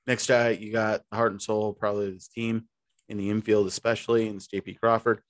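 Dude on a sports podcast rambling along, kinda low voice, dry mic. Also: male voice, level tone, brisk, no room sound. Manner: rambling, easygoing, restarts mid-sentence. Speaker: podcast co-host. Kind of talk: casual sports chat.

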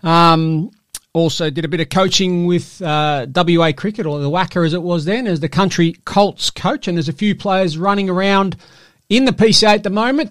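A man's voice: high voice, dry recording, clean studio sound. An Australian man hosting a podcast in a casual, matey and teasing way, chatting about sport. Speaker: podcast host.

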